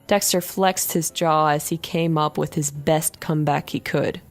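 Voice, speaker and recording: A woman reading a horror story aloud in an expressive first-person narration. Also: deep voice, a little slow, faint music behind.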